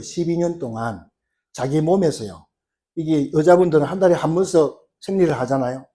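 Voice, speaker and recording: A man's voice: on the high side, dark tone. A man preaching a sermon as pastor, telling a story with frequent "uh" fillers and building force. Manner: storytelling, acting out quoted cries with rising force. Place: church sanctuary.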